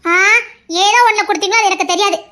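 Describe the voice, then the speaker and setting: A woman's voice: extremely high pitch, steady tone, quick pace, fairly bright tone. A woman voicing a stubborn, loving young wife in an audio drama, talking earnestly and insistently. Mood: devoted, pleading.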